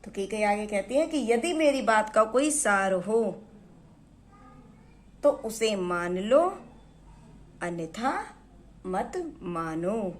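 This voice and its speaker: Woman teacher for a poetry lesson, unhurried delivery, mid-pitched voice, explains and repeats each line. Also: sing-song. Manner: slow, repeats and glosses words, reads verse lines louder. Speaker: Hindi teacher.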